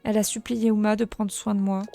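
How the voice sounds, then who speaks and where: A woman reading the lines of an earnest young male rat guard in a video game, in a plain, soft-spoken way. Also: mid-range voice, level tone, quick pace, gravelly, soft background music, close to an everyday voice.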